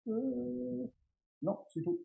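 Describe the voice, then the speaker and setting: A man with a Québécois accent telling an animated, self-mocking story full of fillers and restarts. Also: very high-pitched, very slow, gravelly, phone-quality sound. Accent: Québécois French. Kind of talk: casual storytelling.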